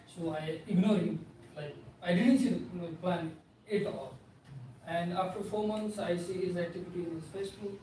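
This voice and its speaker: A man's voice: fairly high pitch, darkish tone. Chatty man in a very echoey room. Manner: chatty, lots of "like" and "right?". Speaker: invited speaker giving a testimonial. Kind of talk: casual personal testimonial. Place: meeting room with a seated audience, indoors. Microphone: far camera, no mic seen. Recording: very echoey room from far off, noisy.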